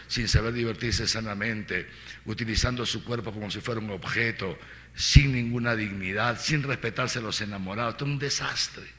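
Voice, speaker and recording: A middle-aged man preaches a catechesis as archbishop, firing off rhetorical questions and repeating his points. His voice is very forceful and sharp. A long reverb trails after him through a large church hall. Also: on the low side. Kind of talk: catechesis talk to a congregation.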